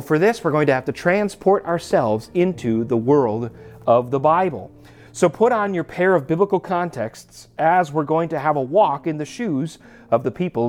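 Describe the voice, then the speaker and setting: Lively storytelling man preaching. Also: mid-range voice. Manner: storytelling, animated and conversational. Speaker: pastor. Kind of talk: sermon.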